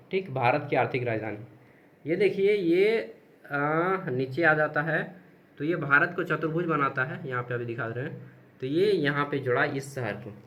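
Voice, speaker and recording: A young man teaches a chatty exam-prep lesson, explaining with examples, repeating things, checking with students, and asking questions he answers himself. His voice is on the high side, with a sharp tone.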